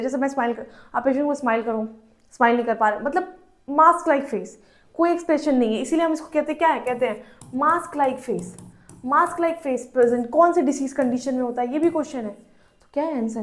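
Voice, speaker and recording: A woman giving a nursing exam-prep lecture, asking questions and answering them herself, repeating key terms. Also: high-pitched.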